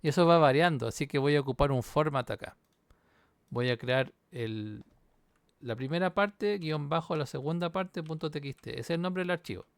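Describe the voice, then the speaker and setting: A man's voice: fairly high pitch, normal speed, vocal fry, clean tone, no room sound. A university instructor, walking through a programming exam solution on screen and checking in with the class as he goes. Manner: explains step by step, checks in with "¿sí?". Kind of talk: screen-recorded coding walkthrough.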